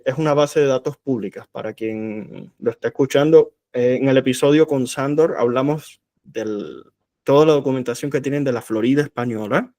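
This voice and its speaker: Male host, mid pitch, measured and reflective, dry close sound. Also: darkish tone, no room sound. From Cuba. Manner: measured, reflective, inviting the guest to talk. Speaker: podcast host. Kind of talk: interview conversation.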